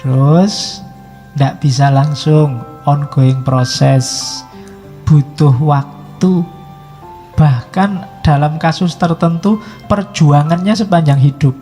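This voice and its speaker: Brief: male lecturer, fairly high voice with a dark tone, conversational, acts out quarrels in quoted voices. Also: steady tone, slow, long pauses, in a large hall, faint music behind. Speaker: philosophy lecturer. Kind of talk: casual lecture at a mosque study session. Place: mosque hall.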